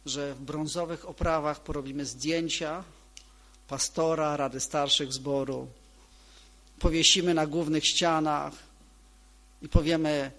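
A man preaching a sermon to a congregation, emphatic, repeating key phrases and moving between loud and soft delivery. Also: fairly high pitch, fairly even intonation, measured pace, long pauses.

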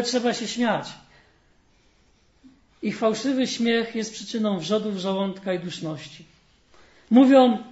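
A frail, lonely spirit of sorrow from a spoken fable, as a man voices him, who sighs and pleads his case plaintively. The voice runs high. The space echoes, and the sound is dull. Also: mellow, close to an everyday voice. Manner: plaintive, sighing complaint. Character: weary, shrunken male Sadness, lonely and misunderstood.

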